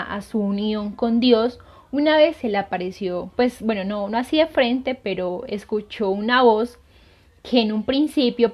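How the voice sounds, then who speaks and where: A woman missionary earnestly telling a saint's life to viewers, hesitating often with fillers. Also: medium pitch. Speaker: lay missionary. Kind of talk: devotional storytelling. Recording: dull lo-fi sound.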